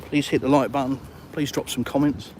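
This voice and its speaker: A man's voice: medium pitch, steady tone, brisk, a little mellow. English guy doing a live walk-and-talk on his phone, outside at night, chatting to viewers, a bit of traffic noise. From England. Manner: chatty, reads out and answers viewer comments. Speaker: vlogger. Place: city streets at night, outdoors. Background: faint traffic noise.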